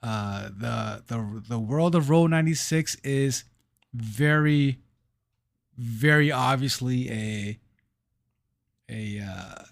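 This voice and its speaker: A man's voice: medium pitch, vocal fry, dry recording, clean studio sound. A man co-hosting a gaming podcast, chatting casually and searching for words as he reviews a game. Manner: slow, halting, searching for words.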